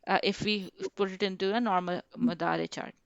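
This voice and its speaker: A woman's voice: mid-range voice, fairly even intonation, normal speed, vocal fry, smooth, no echo. A woman teaching grammar on a video call, patiently quizzing her students with guiding questions. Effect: video call audio. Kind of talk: online class, quizzing students. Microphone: computer mic on a video call. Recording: dull lo-fi video call audio.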